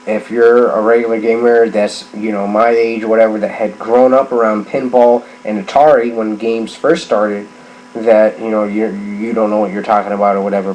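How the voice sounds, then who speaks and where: A man's voice: fairly low pitch, a little mellow. Drunk man rambling over background noise. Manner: repetitive, halting, circling back on phrases. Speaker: gaming vlogger. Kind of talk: rambling casual rant. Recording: clearly noisy background ambience.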